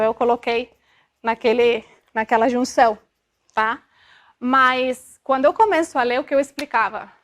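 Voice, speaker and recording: High-voiced woman lecturing a class. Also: a bit bright. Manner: explanatory, checks in with frequent tag questions; demonstrative, sounds out syllables to illustrate. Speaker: optometry lecturer.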